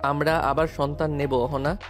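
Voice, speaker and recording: A man's voice: on the high side, flat delivery, normal speed, soft background music, natural voice. A man voicing a young husband in an audio love story, speaking soothingly and pleading with his wife.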